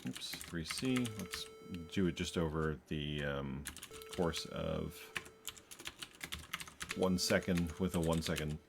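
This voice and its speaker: A man with a rumbling low voice speaks slowly against a noisy background. Sounding tired, he hosts a programming tutorial, thinking aloud as he codes and filling gaps with plenty of ums and uhs in a casual screen-recorded walkthrough.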